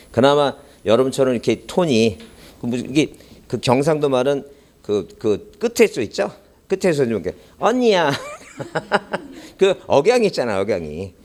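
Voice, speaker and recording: A man's voice: medium pitch, darkish tone. A man giving an exam-prep lecture in an academy classroom, his voice muffled by a face mask, rambling in asides and then quizzing the class with rhetorical questions. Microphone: speaker mic worn behind a face mask.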